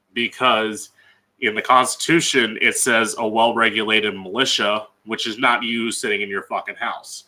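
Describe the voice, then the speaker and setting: Drag queen host, American man: slow-paced, bright and sharp, blunt opinionated solo commentary. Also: lowish voice. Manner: blunt, emphatic, frequent swearing.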